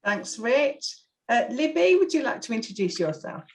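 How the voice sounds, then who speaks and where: Halting woman hosting a panel. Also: fairly high pitch, sing-song. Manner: halting, hesitant phrasing. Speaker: panel host. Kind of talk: informal event hosting.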